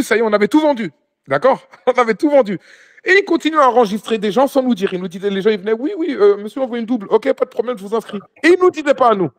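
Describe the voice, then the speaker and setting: Fast-talking, excitable male storyteller. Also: sits high. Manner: animated storyteller, acts out dialogue, many restarts. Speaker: hajj travel guide, interview guest. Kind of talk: casual storytelling interview.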